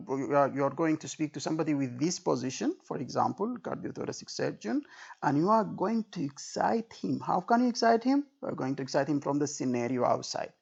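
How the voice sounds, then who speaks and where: Teaching informally as an exam tutor, this man role-plays example phrases, repeats his points and keeps asking "okay" and "right" to confirm understanding. His creaky voice is fairly high with a darkish tone. The recording is dull and lo-fi.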